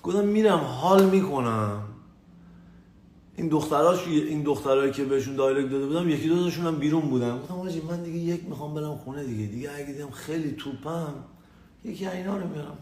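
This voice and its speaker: A man from Tehran telling crude personal stories in a rambling, profane, animated way. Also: fairly high pitch. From Tehran, Iran. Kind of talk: casual storytelling monologue. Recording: echoey room with faint ambient noise.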